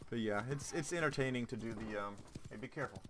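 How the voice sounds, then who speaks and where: A man's voice: mid-range voice, fast talker, fairly bright tone, slight background noise. A man streaming a game, chatting casually and joking, laughing often as he plays. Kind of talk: casual gameplay commentary.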